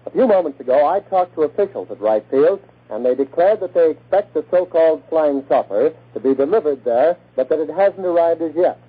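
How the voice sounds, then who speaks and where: A man gives a steady, formal news report in 1940s radio style. The sound comes from a scratchy old archival broadcast, as narrow as a phone line. His voice is husky and sits slightly high. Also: a little fast.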